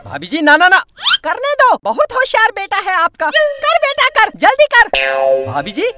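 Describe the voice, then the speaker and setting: Guy yelling his way through a goofy comedy skit, fake crying too, slow and loud, music blaring behind. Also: very high voice. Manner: loud, exaggerated shouting and mock crying. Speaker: comedy sketch performer voicing several characters. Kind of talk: slapstick comedy sketch dialogue.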